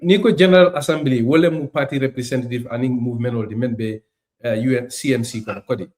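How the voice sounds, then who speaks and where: A man hosts a political interview in a voice of ordinary middle pitch. He presses his guest with pointed questions and repeats them when he wants a clearer answer. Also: fast, a little mellow. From Gambia. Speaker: interview host.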